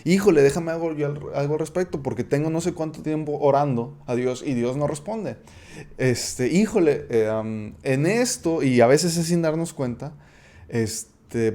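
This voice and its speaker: A man with a Mexican Spanish accent leads a relaxed Bible study. His voice is warm and mellow and sits at an ordinary pitch. He talks in a halting, conversational way, restarting phrases and checking in with his listeners. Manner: conversational, checks in with frequent tag questions. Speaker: Bible teacher. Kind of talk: casual Bible study talk.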